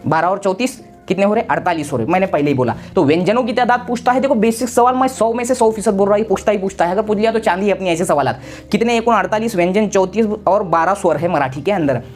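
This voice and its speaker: A man's voice: high-pitched, quick pace, faint music behind. A man from Maharashtra, a teacher giving a casual exam-prep lesson, explaining with many repeats and restarts. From Maharashtra, India.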